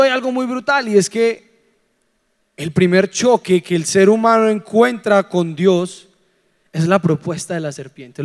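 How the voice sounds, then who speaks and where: A man with a high voice preaches in a conversational way to young people. He is animated and throws out teasing rhetorical questions. His voice rings with the long reverb of a hall. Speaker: preacher leading a youth forum.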